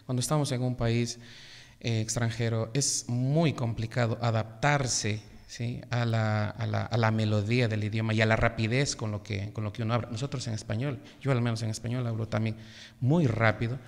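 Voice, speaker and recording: Teacher guy on radio, kinda gravelly, slow professorial explaining, echo trailing off. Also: medium pitch, little pitch movement. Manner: measured, professorial, many hesitations. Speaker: language teacher, guest. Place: radio studio. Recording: gravelly voice with long reverb.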